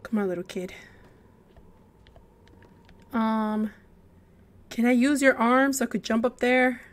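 A woman's voice: on the high side, slow. A young woman giving casual gameplay commentary, talking to the game characters in a jumpy, giggly way. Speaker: let's play gamer.

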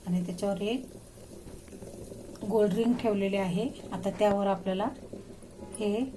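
A woman hosting a home cooking channel, calmly explaining each step of a recipe to viewers as she works in her kitchen. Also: mid-range voice, moderate pace, music in the background, poor audio. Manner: calm step-by-step instructions to viewers.

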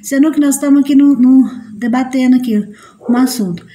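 A Brazilian woman hosts a relaxed live stream, greeting viewers by name and dissolving into giggles. Her voice sits high yet sounds mellow and soft rather than bright. She talks in a loose, chatty way. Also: fairly quick. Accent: Brazilian Portuguese. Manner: giggly, bursts into laughter often; sweet high baby-talk to a pet.

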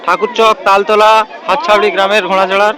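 A man's voice: high voice, little pitch movement, fast. A man gives live commentary like a race caller, repeating phrases and addressing viewers as friends, outdoors on a field. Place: outdoors at a crowded village racing field. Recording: noisy outdoor field with loud crowd.

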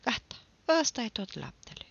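A woman voicing a sharp-tongued peasant wife and mother who scolds and grumbles. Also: lo-fi sound, close to an everyday voice. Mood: scolding.

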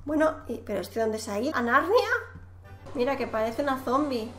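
High, lively woman commentating a game. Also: normal speed, loud music behind the voice. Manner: animated, laughing, teasing. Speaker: gaming youtuber. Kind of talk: excited gameplay commentary. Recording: echoey room with noise.

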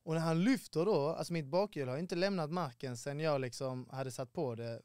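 This Swedish man in his twenties has a slightly high, clear, resonant voice, captured in a dry, studio-quality recording. He's a podcast guest sharing a travel story in casual conversation, animatedly acting out the voices of the people he met along the way.

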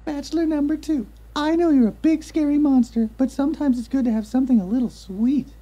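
A woman's voice: high-pitched, fairly quick, dark tone, natural voice. A woman voicing a coy ghoul scream queen who politely questions her dates in a comedy animation.

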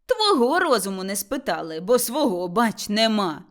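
A woman's voice: mid-range voice, sing-song, normal speed, lightly acted. A woman voicing a sarcastic young peasant man in a storybook reading. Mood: mocking. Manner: mocking, sarcastic.

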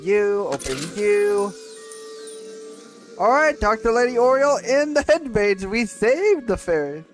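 A man's voice: high-pitched, expressive, unhurried. A man giving casual commentary while playing a video game. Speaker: gamer narrating play. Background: game music.

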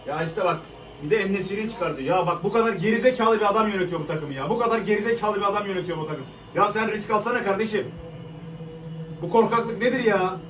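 A young man giving live reaction commentary on a match, frustrated and swearing as he shouts at the players. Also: high voice, a little hiss or hum. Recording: echoey room, mic at a distance.

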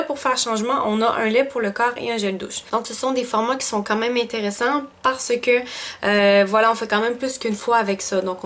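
Woman, Quebec French accent, beauty vlogger, casual unboxing chat, slightly high voice, lots of fillers. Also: a bit bright. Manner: chatty, filler-heavy, thinking aloud.

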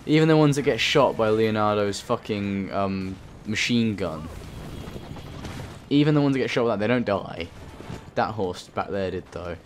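A man's voice: on the low side, expressive, moderate pace. A man hosting a let's play, rambling and swearing through his gameplay commentary. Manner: swearing, rambling, self-talking. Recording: voice under game noise.

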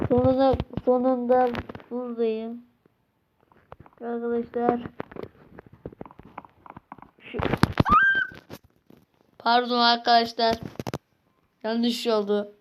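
A woman with a slightly high voice plays a game and talks it through unhurriedly. She mutters to herself, restarts her sentences, and breaks into sudden excited exclamations, all in a casual, slangy commentary. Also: slow pace, pauses often, dull audio, background noise. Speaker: gaming channel host.

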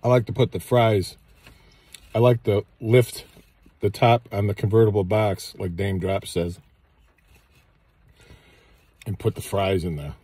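A man in his sixties reviewing fast food in a rambling, jokey, self-mocking way, filming himself on a handheld camera. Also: lowish voice, steady tone, dark tone, breathy edge, no echo. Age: 60s. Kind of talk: casual food review vlog.

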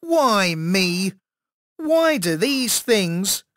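A man voicing an unlucky, self-pitying schoolboy who yelps and whines in a high voice. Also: big pitch swings, drawn-out words, fairly bright tone, no echo, clean studio sound, heavily acted. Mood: whining.

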